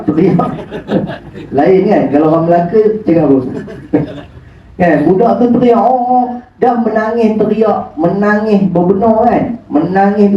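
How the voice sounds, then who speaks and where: Brief: male preacher, teasing and humorous, fairly high voice, dull far-off phone recording in a prayer hall. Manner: joking, teasing, rhetorical questions. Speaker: religious preacher. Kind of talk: humorous religious lecture. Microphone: phone camera at a distance.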